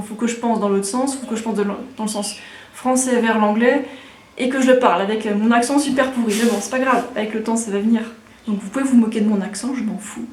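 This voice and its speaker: In an echoey room with a little hiss or hum, a thirtysomething woman from Alsace, France, answers viewer questions in a frank, casual vlog chat. Her voice is medium-pitched and darkish, and she rambles with lots of fillers and restarts.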